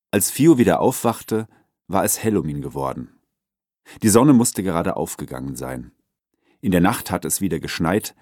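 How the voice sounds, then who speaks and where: Deep, expressive male storyteller. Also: dry recording. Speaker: audiobook narrator. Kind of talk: storybook narration. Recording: dry close recording.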